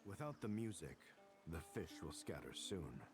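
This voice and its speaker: An actor playing a composed, commanding man in a martial arts game, speaking in a measured, assured way. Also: low-pitched, sing-song, over music. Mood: cool, assured. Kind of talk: scripted game voice acting.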